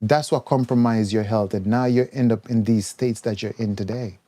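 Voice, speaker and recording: An herbal health coach with a warm, lowish voice gives a blunt, scolding talk on a live stream at a moderate, fairly even pace. He mimics the people he quotes, putting on their voices.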